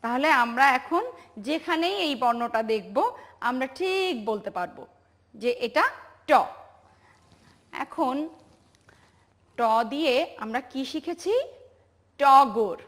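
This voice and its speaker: A woman's voice: high-pitched, lively intonation, a bit bright. A woman teacher with a Bangladeshi Bengali accent gives a home-learning lesson to young children, patiently drawing out each word and asking them to repeat after her. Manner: slow, patient, drawn-out recitation with call-and-response questions. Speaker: pre-primary teacher.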